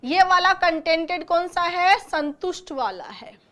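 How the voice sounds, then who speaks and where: High-voiced woman teaching slowly. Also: animated, pushed and bright. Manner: explains slowly, repeating synonyms and checking with "clear?". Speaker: vocabulary teacher. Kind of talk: exam-prep vocabulary lesson.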